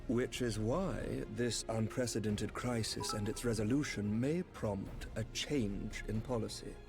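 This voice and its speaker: An actor playing a courtly, measured knight commander in a fantasy game, with a smooth, snake-like voice. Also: male voice, fairly low pitch, fairly even intonation, over music. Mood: formal, grave. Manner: formal, deliberate, diplomatic. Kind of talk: fantasy video game acting.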